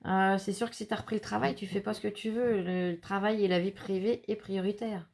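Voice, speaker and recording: A woman's voice: medium pitch, fairly even intonation, fairly quick, gravelly, darkish tone. A woman hosting a craft video, chatting in a reassuring way and reading viewers' notes aloud. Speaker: craft channel host. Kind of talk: casual chat.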